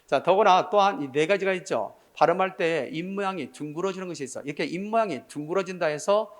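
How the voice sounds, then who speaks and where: Animated Korean exam lecturer, man. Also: sits high, a little fast. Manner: lively, quizzes students with rhetorical questions, mixes formal and casual speech. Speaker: civil service exam Korean language lecturer. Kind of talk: classroom lecture. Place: lecture room with blackboard.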